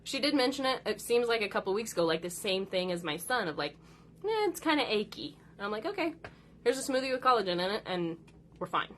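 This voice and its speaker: A woman's voice: mid-range voice, lively intonation, fast talker, fairly bright tone, slight background noise. A woman in her thirties, a mother, talking casually and at length about her kids, often acting out what they said. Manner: rambling and chatty, acts out her kids' lines. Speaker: mother of four, content creator. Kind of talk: casual chat.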